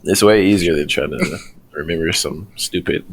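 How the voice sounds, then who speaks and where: A man's voice: deep voice, normal speed, background noise. A man co-hosting a casual podcast, teasing the others in a dry way. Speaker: podcast co-host. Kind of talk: casual chat.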